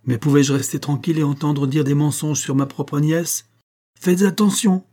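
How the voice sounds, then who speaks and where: A raging old sailor captain bellows and roars, his voice climbing high and loud with fury, as a man reads him aloud. The tone underneath stays mellow and husky. Storybook reading. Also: moderate pace, natural voice. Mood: threatening. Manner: shouting, bellowing threats. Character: furious old male sea captain, protective uncle.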